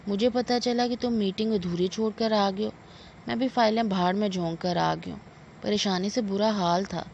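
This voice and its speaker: Doting, anxious middle-aged mother, read by a woman, gravelly tone, lo-fi dull sound. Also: medium pitch, fairly even intonation, a little mellow, lightly acted. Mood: worried. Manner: affectionate and fussing. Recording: dull lo-fi with faint noise.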